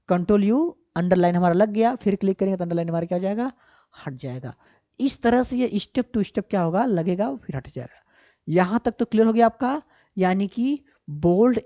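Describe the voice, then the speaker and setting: A woman computer teacher giving a step-by-step software tutorial, repeating points and answering her own questions. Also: mid-range voice. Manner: asks herself questions and answers them, checks often with 'ठीक ना'; repetitive, step-by-step explaining. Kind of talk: screen-recorded software tutorial. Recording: slightly dull lo-fi audio.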